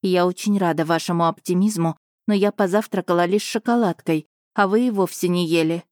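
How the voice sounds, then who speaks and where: A woman's voice: fairly low pitch, a little fast, darkish tone, dry recording, clean studio sound, natural voice. A woman voicing a spirited young heroine who answers sharply and defensively. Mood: wry.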